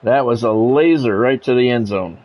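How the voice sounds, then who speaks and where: The audio sounds dull as a middle-aged gamer, medium-pitched and speaking at normal speed, calls a football video game the way a radio announcer would. He keeps it to clipped phrases with casual asides.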